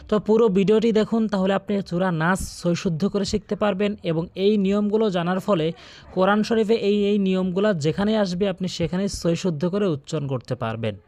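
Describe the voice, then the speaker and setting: A man's voice: high-pitched, a little mellow, no room sound. Earnest male Quran recitation teacher. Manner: earnest, repeats corrections, chants drawn-out practice words. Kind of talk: instructional video lesson.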